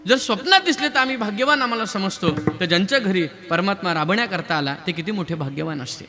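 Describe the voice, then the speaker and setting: A male devotional preacher delivering a lively sermon, teasing and quizzing his live audience. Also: sits high, fast. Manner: lively, quizzes and teases the crowd, counts raised hands. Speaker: kirtan preacher.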